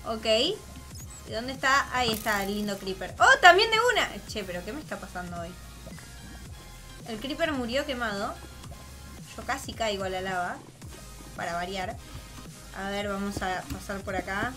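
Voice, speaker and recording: A woman's voice: mid-range voice, normal speed, pauses often. A young woman with a Rioplatense Spanish accent doing casual, dramatic gameplay commentary, laughing and shrieking often. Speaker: gaming channel host. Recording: faint game music behind.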